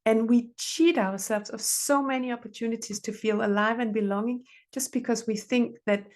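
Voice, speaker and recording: A woman's voice: on the high side, fairly even intonation, normal speed, darkish tone. A middle-aged woman therapist, giving earnest advice in conversation and repeating phrases for emphasis. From Denmark. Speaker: relationship therapist, podcast guest.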